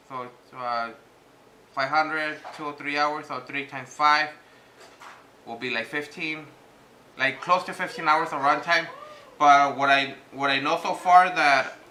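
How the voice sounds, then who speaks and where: A vlogger with a bright, sharp-edged, slightly high voice chats casually with viewers while reviewing products. He halts and hesitates, moving between two languages, in an echoey room with faint noise behind him.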